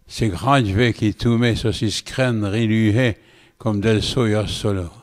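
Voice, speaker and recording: A man with a Walloon accent reading a story aloud in an unhurried storytelling manner. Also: lowish voice, steady tone, big-room sound.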